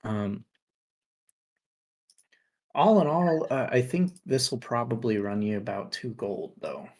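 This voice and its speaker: A man narrating as game master of a tabletop game, relaxed and loose with frequent fillers. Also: medium pitch, slow.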